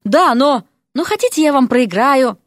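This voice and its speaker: A woman's voice: high voice, lively intonation, moderate pace, no room sound, clean studio sound, voice pushed up. Woman voicing a flustered young male teacher. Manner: flustered, sighing.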